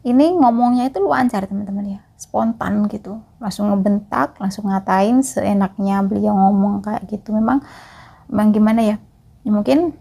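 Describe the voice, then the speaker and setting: A woman's voice: medium pitch, moderate pace, creaky, warm tone, slightly rough. A woman from East Java, a migrant caregiver chatting casually to her viewers in a vlog and often calling them friends. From East Java, Indonesia.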